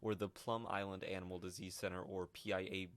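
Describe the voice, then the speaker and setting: A man's voice: sits low, level tone, fairly quick, fairly bright tone. A young man co-hosting a casual podcast, reading articles aloud, tripping over names and laughing often. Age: young adult. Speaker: podcast co-host.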